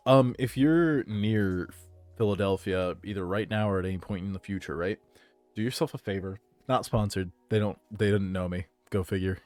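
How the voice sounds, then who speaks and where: A man hosting a casual podcast stream, telling a rambling story with jokes and hushed asides. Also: low voice, no room sound. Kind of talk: casual chat with live chat.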